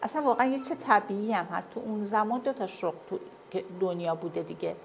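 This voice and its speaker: A woman's voice: medium pitch, gravelly, slight background noise. Woman lecturing, checking understanding. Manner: asks listeners often if they follow. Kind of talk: classroom lecture with slides. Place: classroom.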